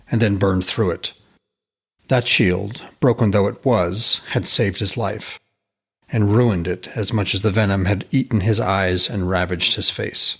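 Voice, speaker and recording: Husky man gravely telling ancient myth. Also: lowish voice, fairly bright tone. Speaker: podcast narrator. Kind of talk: scripted literary narration.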